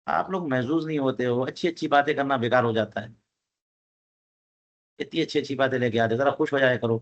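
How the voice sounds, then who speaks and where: A man's voice: medium pitch, dull audio. A man teaching a religious text to students, reading Arabic passages aloud and explaining them line by line, often asking his listeners questions. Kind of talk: classroom text commentary.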